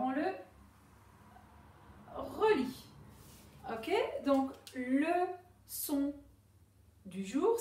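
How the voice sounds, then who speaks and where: A woman teaching a reading lesson to young pupils, speaking slowly and sounding out each syllable clearly. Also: mid-range voice. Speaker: primary school teacher. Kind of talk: slow classroom reading lesson. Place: classroom with a board. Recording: echoey room, voice a bit far from the mic.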